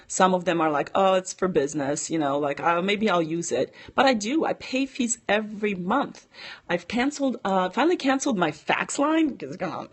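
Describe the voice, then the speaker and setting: A woman's voice: fairly low pitch, breathy edge. A middle-aged woman giving casual, chatty money advice on a live stream, with many fillers, stopping now and then to answer viewer comments.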